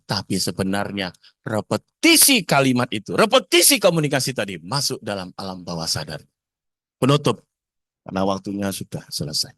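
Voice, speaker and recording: Animated man. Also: lowish voice. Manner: animated, asks the audience questions. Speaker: parenting seminar speaker. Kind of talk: lively seminar talk to parents.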